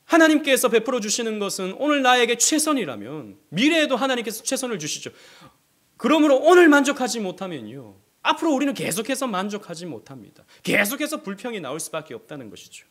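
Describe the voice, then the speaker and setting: A male pastor preaching a sermon with passion, asking the congregation rhetorical questions and swinging between loud outbursts and hushed asides. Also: very high voice, big pitch swings, fast talker.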